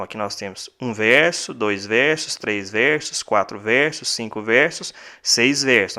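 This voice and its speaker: A man with a Brazilian Portuguese accent talks through a recorded lesson at an unhurried, deliberate pace. His voice is bright and forward. He is methodical, repeating each point and counting items aloud one by one. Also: mid-range voice. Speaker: teacher.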